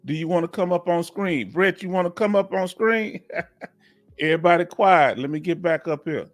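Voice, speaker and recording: Hosting a casual live Q&A, a veteran claims advisor in his fifties talks in a folksy, loose way, repeating himself and urging viewers to join in. His voice sits high and moves at normal speed, with faint music in the background.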